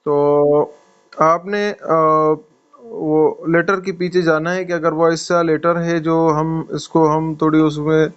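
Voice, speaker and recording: A man's voice: on the high side, flat delivery, clean tone, faint music behind. Male tajweed teacher on an online call: patient, explains sounds step by step, resonant voice, lo-fi audio. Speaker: Quran recitation teacher. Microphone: video call.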